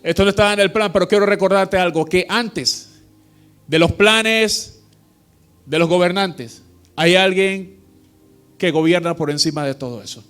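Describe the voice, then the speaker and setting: A man's voice: high-pitched, fairly bright tone, clear, resonant tone, faint music behind. A man preaching a sermon as pastor, reading scripture aloud and quizzing the congregation with call-and-response questions. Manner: slow, emphatic reading with drawn-out phrases.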